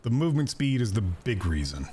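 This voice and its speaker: Chatty man with a lively voice. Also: on the low side, a little fast, breathy edge. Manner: chatty, joking asides to viewers. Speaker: gaming streamer. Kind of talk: casual gameplay commentary.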